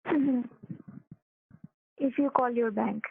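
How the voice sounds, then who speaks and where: A woman's voice: fairly high pitch, steady tone, takes it slowly, creaky. A woman on a phone call, insistent and curt, speaking non-native English, heard over a phone line. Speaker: scam call agent.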